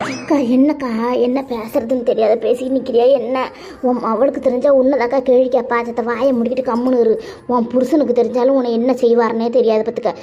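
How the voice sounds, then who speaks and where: An exasperated woman from a cartoon, played by a woman, reproaching her sister at a quick clip. Her tone is mellow and slightly high, on a dull lo-fi recording. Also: steady tone, lightly acted. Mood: reproachful. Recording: dull lo-fi sound.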